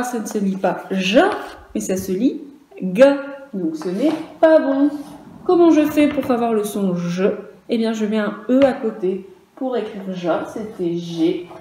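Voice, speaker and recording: A woman teaching a first-grade class in a recorded online lesson, with a fairly high but mellow voice. She sounds out each syllable and letter with patient emphasis. The room is echoey, with a faint hiss behind her. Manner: speaks to children and parents in turn.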